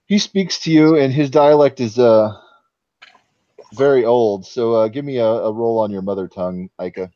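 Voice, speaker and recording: A man acting as game master for a tabletop game narrates casually and haltingly, thinking aloud as he goes. His voice is mid-range and warm, and the dry recording sounds dull.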